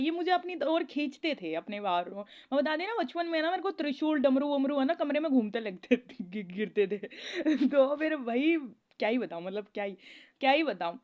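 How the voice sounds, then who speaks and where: A woman talking casually in a spiritual advice vlog, rambling and chatty, often laughing as she tells stories. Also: sits high. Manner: rambling, chatty, keeps asking "okay?". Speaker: spiritual content creator. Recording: dull lo-fi recording.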